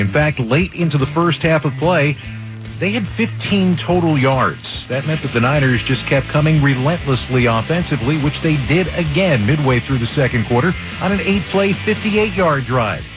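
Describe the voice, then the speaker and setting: A man hosting a radio postgame show from a studio, narrating a recap of football highlights. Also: expressive, normal speed. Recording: phone-like radio sound with music underneath.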